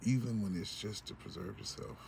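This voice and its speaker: A man's voice: lowish voice, fairly even intonation, fairly quick, gravelly. A man vlogging in a blunt, profane rant, often acting out what other people say. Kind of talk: ranting monologue. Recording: vehicle noise in background.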